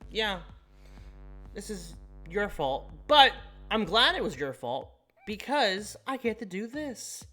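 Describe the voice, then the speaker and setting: A man's voice: sits high, very animated, slow pace, pushed and bright. A man hosting a casual vlog update, playful with chuckling asides. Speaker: host of a tabletop game update channel.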